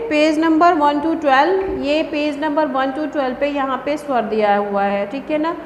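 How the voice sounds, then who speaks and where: High-voiced woman teaching in an echoey room. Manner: explains patiently, repeats terms, asks and answers her own questions. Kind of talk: classroom lesson. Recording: echoey room with faint hiss.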